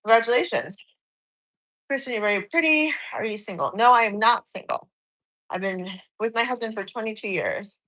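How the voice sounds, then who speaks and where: A woman's voice: a little high, moderate pace, a bit bright, poor audio. A woman in her forties, slightly out of breath from cardio, chatting on a live stream and reading viewers' comments aloud. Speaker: fitness streamer.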